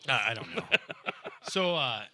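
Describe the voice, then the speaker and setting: A man's voice: medium pitch, expressive, unhurried, bright, forceful tone, dry recording. A man hosting a casual podcast in a home-built studio, chatting loosely with laughs and fillers and reading a fan letter aloud. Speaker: podcast host and band member. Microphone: studio mic with headphones.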